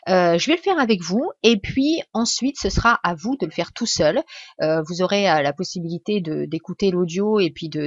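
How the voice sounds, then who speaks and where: A woman's voice: medium pitch, no echo, muffled recording. A woman teaching English pronunciation in a video tutorial, explaining step by step in a patient way with hesitant restarts.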